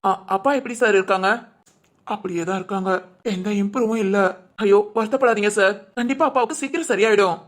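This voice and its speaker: A woman's voice: medium pitch, quick pace, close to an everyday voice. A woman voicing a timid, nervous young man who stammers and pleads in a cartoon. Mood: polite. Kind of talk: cartoon voice acting.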